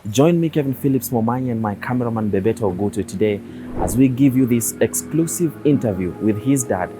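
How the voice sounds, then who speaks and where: A man's voice: mid-range voice, animated, fairly quick, loud music behind the voice, poor audio. A man presenting a news feature and interviewing a grieving father, formal in his intro and brief in his prompts.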